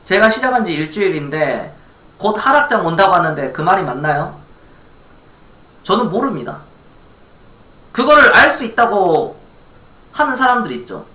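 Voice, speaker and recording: A man from Gwangju chats casually on a live stock-investing stream and reads viewer chat aloud. His voice bounces up and down with a bright, forceful edge. The room rings with noticeable echo. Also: high voice, sing-song, fairly quick. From Gwangju, South Korea.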